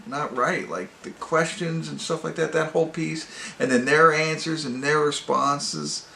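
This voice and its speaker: Here the same kind of host sounds fairly high and sharp, with vocal fry and an unhurried delivery. He is an amateur movie reviewer rambling through an off-the-cuff review, hesitant as he searches for words, in a room with echo and faint background noise.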